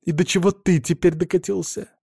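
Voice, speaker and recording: A man's voice: high-pitched, steady tone, a little fast, creaky, a little mellow, husky, no room sound, voice pushed up, full character voice. Wounded, bitter young wife, slightly raised voice, played by a male reader, dry studio sound. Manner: bitter, reproachful. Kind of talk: audiobook character reading.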